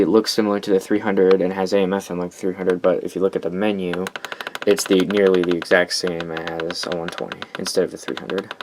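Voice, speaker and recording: This young American man's low-pitched voice carries a relaxed, meandering show-and-tell of the weather radios he collects as a hobby, punctuated by excited asides. Slight background noise is audible.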